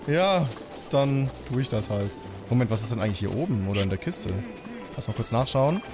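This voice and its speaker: A man in his thirties doing casual let's play commentary. He talks in a slangy way with lively intonation at a middling pitch, close on the mic, with game music clearly behind. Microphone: desk microphone close to the mouth.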